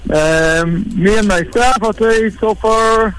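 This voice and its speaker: A man from England, a rabbi, speaking as a guest in a live radio interview, relaxed and plain-spoken, sometimes halting. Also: high-pitched, slight background noise, poor audio. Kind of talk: interview by phone, live remote.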